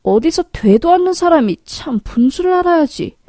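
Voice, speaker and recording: A woman's voice: extremely high pitch, lively intonation, quick pace, dark tone, no echo, studio quality, pitched above the performer's own voice. A woman voicing a fierce, blunt young daughter-in-law who scolds sharply. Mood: scolding.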